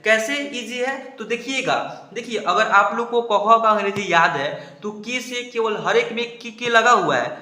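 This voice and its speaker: Guy from india teaching spelling, high bright voice, echoey room. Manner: slow repeated spelling-out, explanatory. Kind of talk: spelling lesson, drawn-out syllables.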